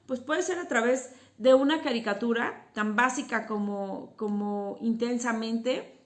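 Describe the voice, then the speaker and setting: A woman psychotherapist and teacher, explaining to parents in a casual teaching talk and often asking herself rhetorical questions. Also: a little high. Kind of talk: informal educational talk to parents.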